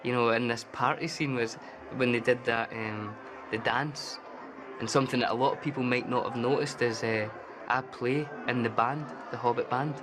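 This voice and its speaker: A man who worked as a film extra, chatting in a relaxed, amused way in an interview. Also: medium pitch, normal speed, noisy background. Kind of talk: casual interview.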